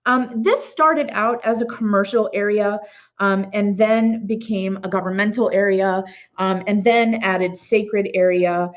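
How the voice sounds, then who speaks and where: A woman's voice: mid-range voice, steady tone, a little slow. A woman teacher giving a recorded art history lecture in a casual way, with many ums and restarts. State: has the hiccups.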